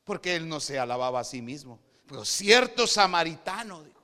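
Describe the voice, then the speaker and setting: High, bright Guatemalan preacher in a reverberant hall. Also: male voice, sing-song, a little fast. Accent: Guatemalan Spanish. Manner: swings between quiet asides and shouted preaching. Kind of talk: sermon.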